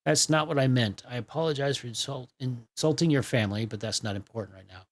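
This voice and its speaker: A man's voice: medium pitch, fast talker, lightly acted. A man voicing a polite, anxious husband who speaks earnestly and apologetically. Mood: earnest pleading. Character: anxious, polite husband worried for his wife.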